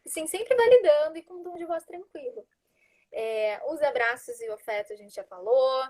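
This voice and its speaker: A woman with a Brazilian Portuguese accent, explaining positive discipline on a live video call in a calm, instructive way. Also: high voice, moderate pace. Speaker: guest parenting educator.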